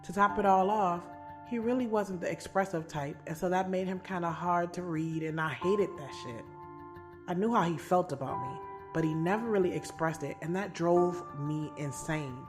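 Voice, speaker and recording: Over music, a woman with a fairly low, near-everyday voice speaks at a normal pace as the narrator and lead actor of an audio drama series. She plays a bold, frank, strong-willed adult schoolteacher telling the story of her love life in the first person, in a conversational, slangy, confiding, streetwise way.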